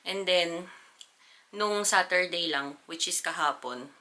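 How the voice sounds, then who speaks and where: A woman's voice: lowish voice, slow pace, pushed and bright. A woman from the Philippines, a mother and family vlogger, chatting casually to her viewers at home as she does chores. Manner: chatty, addresses viewers as "mga mamshis" between chores.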